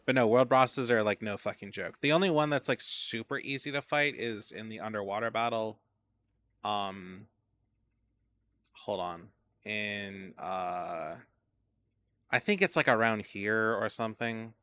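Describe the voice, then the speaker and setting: On the low side and fairly bright, this male streamer talks unhurriedly over his gameplay. His commentary rambles, gets profane, and turns drowsy as fatigue sets in.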